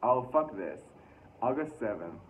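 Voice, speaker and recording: A man's voice: mid-range voice, very animated, unhurried. A young man casually reading his own diary aloud with embarrassed, self-mocking asides, like a vlogger talking to the camera. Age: young adult, early twenties. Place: small room indoors. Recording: thin phone-like sound with loud noise.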